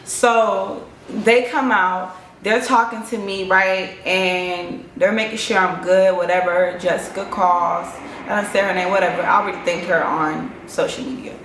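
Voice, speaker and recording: A woman's voice: mid-range voice, a little slow, a little hiss or hum. Chatty young woman in an echoey room. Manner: animated, profane, chatty storytelling. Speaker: vlogger. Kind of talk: casual storytime monologue. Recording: echoey room, faint ambience.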